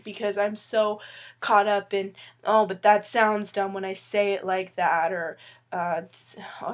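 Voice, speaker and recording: A webcomic artist with a fairly high, slightly bright voice sits indoors at a wooden table, sharing tips on how she makes her comics. She's sick and fighting a cough, a little loopy, rambling with self-deprecating jokes while staying casual and friendly.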